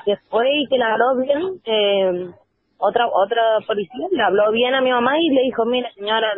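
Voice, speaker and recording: Woman on a tinny phone line. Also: a little high. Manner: halting, with many restarts and quoted dialogue. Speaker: interviewee on the phone. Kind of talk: phone interview, recounting events.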